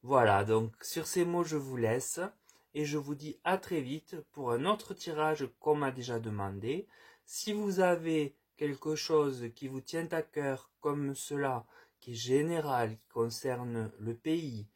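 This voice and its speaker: A man reading tarot cards in a casual, hesitant way, with many fillers and restarts, and giving earnest advice. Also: slow pace. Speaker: tarot reader. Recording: quiet, low-level voice.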